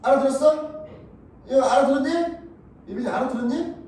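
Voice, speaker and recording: A man's voice: very high voice, fairly quick, darkish tone, a little hiss or hum. A male math teacher giving a classroom lecture, talking bluntly and crudely and keeping on checking whether the students follow. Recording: echoey classroom, from far off.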